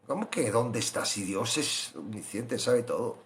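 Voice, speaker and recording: A man preaching a sermon, animated, swinging loud questions to hushed asides. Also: lowish voice, measured pace. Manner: acts out biblical voices in quoted asides.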